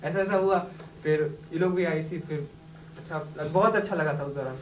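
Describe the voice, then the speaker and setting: A young man with a slightly high, brisk voice tells a class the personal story of how he succeeded in his exam, chatting and laughing often. The recording sounds echoey, with a distant mic and background noise.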